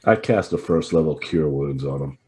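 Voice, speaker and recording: Very deep, husky male player. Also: normal speed, dark tone. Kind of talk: casual tabletop role-play chat.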